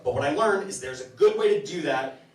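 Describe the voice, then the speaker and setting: With fairly high pitch and lively intonation, the host works his live comedy audience indoors, his stories halting and meandering with stammered restarts. The recording sounds roomy, far-off and noisy.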